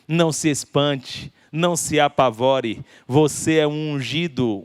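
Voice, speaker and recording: A man with a Brazilian Portuguese accent, preaching a sermon as a pastor with emphatic delivery and deliberate pauses. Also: a little high, no room sound, studio quality.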